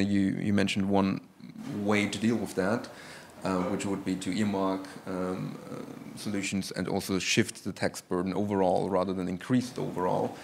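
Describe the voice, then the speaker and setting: Male moderator, hesitant, very flat delivery, faint room noise. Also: sits low, gravelly, reverberant. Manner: hesitant, many fillers. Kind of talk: panel moderation.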